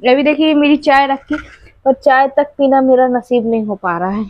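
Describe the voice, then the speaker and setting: A woman's voice: sits high, fairly even intonation, normal speed. A woman family vlogger at home, speaking emotionally and directly to her viewers about her troubles, recorded on a phone camera. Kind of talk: tearful personal confiding to viewers. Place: at home, by the bed. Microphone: phone camera held close. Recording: dull, lo-fi phone audio.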